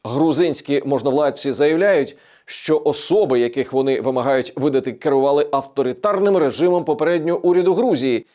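Man reading regional news, slightly high. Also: a little fast, dark tone. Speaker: news presenter.

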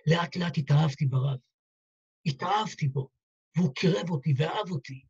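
A man's voice: a little high, a little mellow, husky. A man, a rabbi, telling a heartfelt story in a dramatic sermon style, acting out the dialogue. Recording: dull lo-fi recording.

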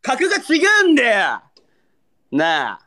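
A man's voice: high voice, huge pitch swings, unhurried, bright, forceful tone. A young man with a Kansai accent, a livestreamer bantering in mock anger and pleading with viewers for gifts. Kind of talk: live-stream battle banter.

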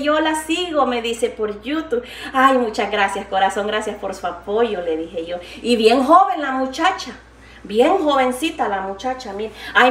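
An older woman's high-sitting, fairly bright voice carries through an echoey home kitchen, caught by a mic some distance away. Chatting affectionately to camera while she cooks, this upbeat vlogger laughs often and calls her viewers "niña" and "hija linda."

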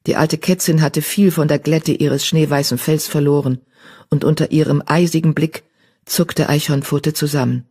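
A woman narrating an audiobook in an even, measured way. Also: low-pitched, slightly rough.

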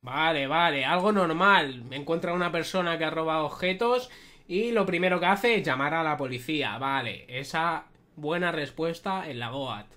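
A woman's voice: sits low, moderate pace. Spanish lady from spain narrating a reaction vid, chatty and laughing. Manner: animated, laughing commentary. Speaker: youtuber reacting. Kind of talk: casual reaction commentary.

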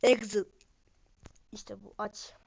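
A woman streamer giving live gameplay commentary, excitable and swinging between low mutters and sudden outbursts. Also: slow, creaky, slightly rough, no room sound. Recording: muffled lo-fi screen recording.

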